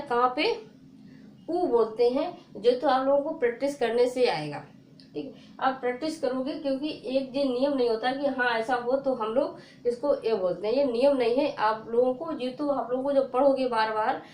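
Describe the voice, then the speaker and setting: Faint noise and an echoey room surround a woman whose voice is fairly high and darkish as she teaches phonics to kids. She goes over words again and again, patiently, quizzing the class and answering her own questions.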